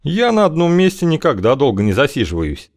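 A man's voice: on the high side, wildly swooping pitch, a little fast, pitched above the performer's own voice. A man reading an audiobook, voicing a guarded, evasive wanderer with a dry, wry way of talking.

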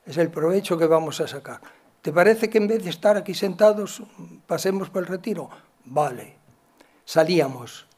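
A man from gives a talk, telling stories from his work as a psychologist and acting out the dialogue with big swings in loudness. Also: high voice, normal speed. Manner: animated, acts out dialogue with shifts in loudness. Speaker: psychologist and educator giving a talk. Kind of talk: storytelling lecture.

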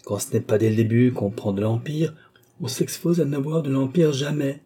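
A man voicing a brusque, impatient old baron who scolds his daughter with sharp, insistent lines. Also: mid-range voice, normal speed, breathy edge, voice pushed up, natural voice. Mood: scolding, impatient.

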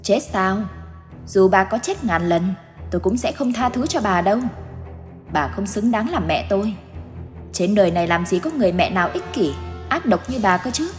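A woman's voice: medium pitch, expressive, normal speed, faint music behind, close to an everyday voice. A woman voicing the vengeful ghost of a grown daughter, cold and scornful, in a told ghost story.

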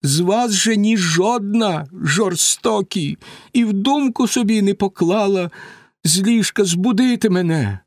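A man's voice: fairly high pitch, unhurried, no room sound, clean studio sound, voice pushed up. Man voicing a grieving, reproachful queen. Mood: lamenting. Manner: raised, lamenting verse delivery. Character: grieving middle-aged queen woman, anxious and reproachful.

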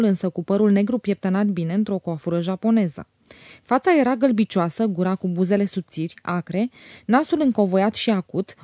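A woman narrating a classic novel as an audiobook, in a measured, even reading on a close mic. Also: mid-range voice, no room sound.

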